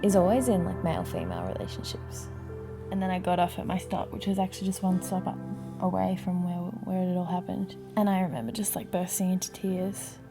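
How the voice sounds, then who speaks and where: A woman's voice: lowish voice, expressive, a little fast, gravelly. A young woman casually recounting a personal story to her partner, hesitant, with lots of fillers and restarts. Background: soft background music.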